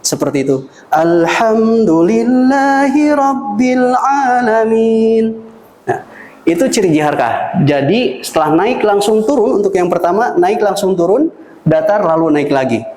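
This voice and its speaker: A man's voice: sits high, animated, moderate pace, a little mellow, reverberant, slight background noise, low-quality recording. A man teaching Quran recitation melodies, explaining patiently and singing short demonstrations for listeners to repeat.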